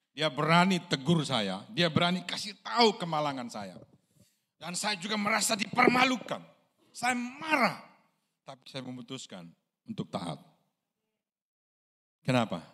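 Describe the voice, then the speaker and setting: A man from Indonesia, a pastor, preaching a sermon in a conversational storytelling way, asking the congregation questions and acting out quoted voices. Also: a bit bright. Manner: storytelling, acts out quoted voices with big pitch jumps.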